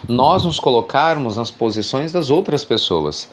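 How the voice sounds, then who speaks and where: A middle-aged Brazilian man with a Brazilian Portuguese accent offers an informal spiritual reflection in a chatty, warm manner, often asking rhetorical questions and adding tag questions. His medium-pitched voice is animated but measured in pace, with a little hiss or hum.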